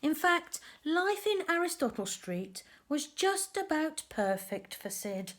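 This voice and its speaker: In a high voice, a woman reads a picture book aloud to young children. She stresses the text expressively and deliberately, mixing in chatty asides about the illustrations.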